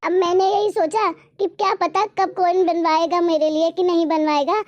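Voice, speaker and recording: A woman's voice: very high-pitched, steady tone, normal speed. Woman voicing a chatty, boastful young wife. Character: proud young daughter-in-law, showing off. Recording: dull lo-fi recording.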